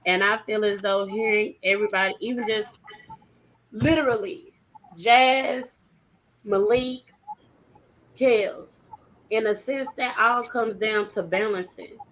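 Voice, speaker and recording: A woman in her early thirties hosting a casual panel chat, animated and laughing often. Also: mid-range voice, slow, long pauses, low-quality recording. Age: 30s. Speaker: host.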